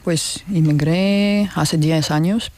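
A woman from North Ossetia, a guest on a radio interview, speaking halting Spanish and searching for words. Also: low voice, darkish tone. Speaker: community founder, guest.

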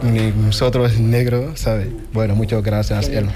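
A man from Senegal, speaking in halting, simple, broken sentences in a street interview. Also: lowish voice, level tone, a crowd in the background. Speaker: farm worker interviewed on the street.

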